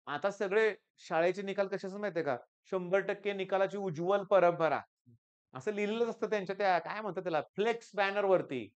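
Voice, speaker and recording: A man's voice: high voice, a little fast, clean tone. Emphatic Marathi-speaking male tutor. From Maharashtra, India. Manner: emphatic, often repeats "lakshat ghya"; swings from loud stresses to quiet asides. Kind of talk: motivational coaching talk to exam students.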